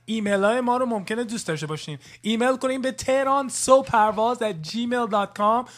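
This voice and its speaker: Male call-in host, American-tinged accent, high and playful. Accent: American-tinged Persian. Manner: jokey, loud greetings, banters with callers. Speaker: radio host. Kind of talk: call-in radio chat.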